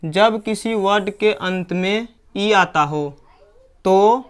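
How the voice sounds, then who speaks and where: A woman's voice: medium pitch, slow pace, clear, resonant tone. A woman with a Hindi accent teaching English pronunciation, asking questions and answering them herself over and over. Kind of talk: classroom lesson.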